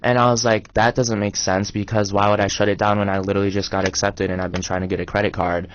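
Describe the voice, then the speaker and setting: A young man co-hosting a college radio show, telling a story in an animated, exasperated way. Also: lowish voice, fast, muffled recording, slight background noise. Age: young adult. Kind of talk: casual storytelling chat.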